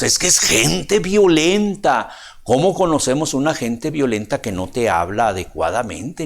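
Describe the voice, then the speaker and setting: A man preaching a conversational Bible-study sermon. He reads scripture aloud and keeps checking in with his listeners. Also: mid-range voice.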